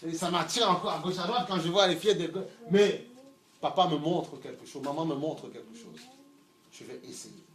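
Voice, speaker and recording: A middle-aged man preaching a sermon, swinging from loud shouts to low murmurs and repeating words as he searches for them. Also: moderate pace. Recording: echoey room, mic from far off, faint ambience.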